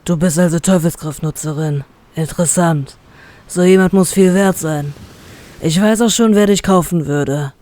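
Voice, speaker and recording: A man's voice: fairly high pitch, normal speed, a little mellow, natural voice. A man voicing a greedy, scheming pirate captain who makes cold, calculating threats in an audio story. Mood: menacing.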